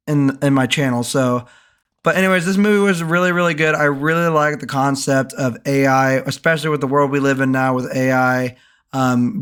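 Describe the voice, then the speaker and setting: A hoarse young man recovering from an illness, casually ranking the year's movies in a rambling, enthusiastic vlog full of ums. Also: mid-range voice, fairly bright tone. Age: young adult. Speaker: movie reviewer.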